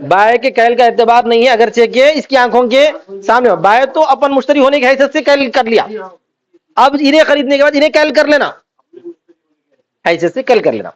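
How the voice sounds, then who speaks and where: A man teaching Islamic law, reading out Arabic text and then explaining it by asking and answering his own questions. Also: very high voice. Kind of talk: classroom lecture. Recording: dull lo-fi recording.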